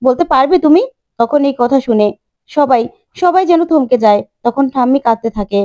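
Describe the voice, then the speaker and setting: A woman's voice: on the high side, animated, normal speed, dark tone. A woman retelling a TV serial episode, plainly announcing who speaks next. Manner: plain storytelling, narrating each speaker. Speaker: narrator.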